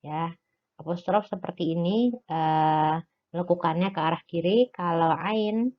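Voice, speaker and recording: A woman teaching a recorded lesson, explaining slowly step by step and pausing on "eh" fillers. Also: on the low side. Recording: dull lo-fi recording.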